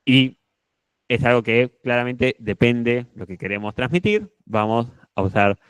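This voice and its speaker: A young man with a Rioplatense Spanish accent runs an online public speaking workshop, often shifting his volume and pitch to demonstrate. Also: unhurried, a bit bright, smooth, no echo.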